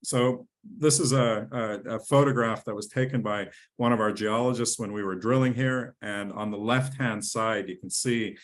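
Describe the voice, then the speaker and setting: Enthusiastic man presenting in a webinar. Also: lowish voice. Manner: enthusiastic, with frequent restarts and fillers. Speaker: company president and CEO presenting.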